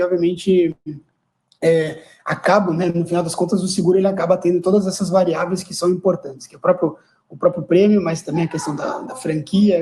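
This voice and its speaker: A man hosts a webinar, reading out audience questions and summing up. His voice is high but mellow and dark in tone, and he rambles with repeated words. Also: rough recording. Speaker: webinar host. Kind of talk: moderating a webinar.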